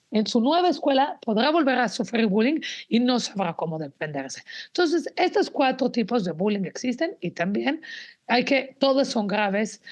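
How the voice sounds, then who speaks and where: A woman presents to an audience of teachers and parents, walking them through her slides. Her voice sits a little high, and her delivery is earnest and explanatory, often turning to address the audience directly. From Mexico. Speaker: educator giving a talk to teachers and parents. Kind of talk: spoken presentation about images on slides.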